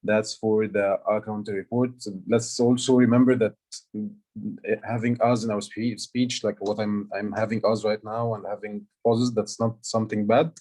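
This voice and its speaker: An Egyptian man who doesn't speak English natively delivers an online club meeting report over a video call as the aha counter and grammarian. His voice sits on the low side, dark and level, at a moderate pace, and he uses many fillers and restarts. The recording is rough.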